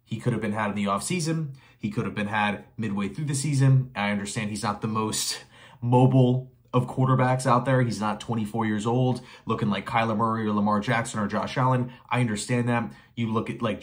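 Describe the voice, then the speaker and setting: A young man giving emphatic, opinionated commentary straight to camera from a small bedroom, firing off rhetorical questions and repeating phrases for emphasis. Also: fairly low pitch. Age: young adult. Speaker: sports commentary vlogger. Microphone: webcam or phone facing him at desk.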